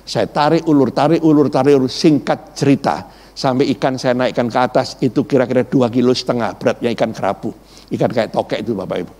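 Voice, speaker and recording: A man's voice: medium pitch, quick pace. A middle-aged man, a pastor, preaching a sermon built around a personal testimony, telling his story animatedly and repeatedly addressing the congregation. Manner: animated storytelling, acts out quoted voices, repeats "Bapak Ibu".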